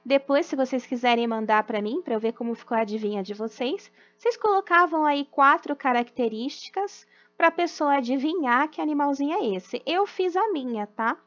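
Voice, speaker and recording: Patient Brazilian teacher, higher voice. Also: female voice, expressive, fairly bright tone, muffled recording. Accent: Brazilian Portuguese. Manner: patient, explains slowly, ends phrases with "tá?". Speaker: primary school teacher. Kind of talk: remote class lesson.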